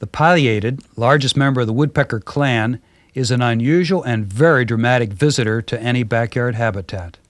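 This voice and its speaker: A man giving calm, measured scripted narration for a backyard birding video, heard from a worn VHS tape copy. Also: medium pitch, dry recording. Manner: calm, measured, gently descriptive. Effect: worn VHS tape copy with faint hiss.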